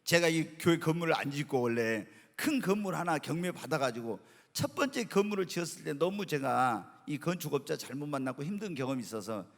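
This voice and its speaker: Animated gravelly pastor in reverberant church. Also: male voice, fairly high pitch, fairly quick, hardly any pauses. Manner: animated storytelling with acted quotes. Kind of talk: sermon. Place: church sanctuary. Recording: long hall reverb.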